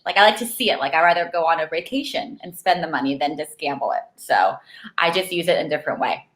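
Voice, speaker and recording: A young woman from Argentina who was raised in California chats as a guest in a low, lively, fairly bright voice, talking fast. She fills her casual talk with "like" and laughs easily, and the room around her echoes.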